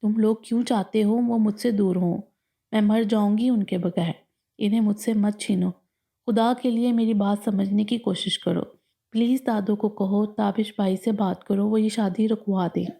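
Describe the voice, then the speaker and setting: A woman narrator voicing a distraught, quick-tempered young bride-to-be who pleads and snaps, in a storybook reading. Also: mid-range voice, steady tone, gravelly, mellow, lightly acted. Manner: pleading and snappish.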